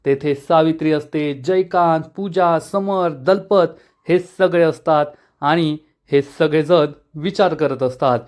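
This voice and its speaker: A man retelling a TV serial episode in a measured storytelling manner, reading every character's lines in his own voice. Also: fairly high pitch, a little mellow.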